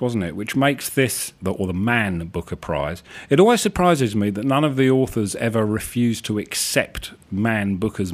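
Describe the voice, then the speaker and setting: A man hosting a radio show, reading his own whimsical stories in a dry, droll manner, with hesitant asides between pieces. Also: medium pitch. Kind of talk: deadpan literary narration and reading.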